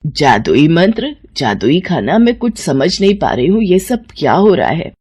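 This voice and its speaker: A woman voicing a stern middle-aged mother-in-law in a cartoon story, speaking in a lowered, scolding voice. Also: sing-song, moderate pace, a little mellow, breathy edge, full character voice. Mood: confused.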